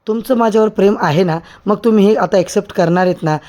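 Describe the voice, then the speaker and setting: A man's voice: high-pitched, fast, a little mellow, lightly acted. A man voicing a young woman who teases and pleads with the man she loves. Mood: teasing, pleading. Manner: pleading, teasing. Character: young woman, teasing and distressed bride-to-be.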